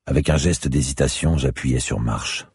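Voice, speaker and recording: A man giving grave, steady first-person narration of a dark thriller audiobook. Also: very deep voice, normal speed, slightly rough, dry recording.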